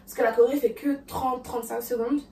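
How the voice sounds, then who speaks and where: A woman's voice: on the high side, fairly even intonation, fairly quick, dark tone, far from the mic, slight background noise. A woman teaching a dance routine, counting beats and calling out moves, a little out of breath. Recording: roomy sound from away from the mic.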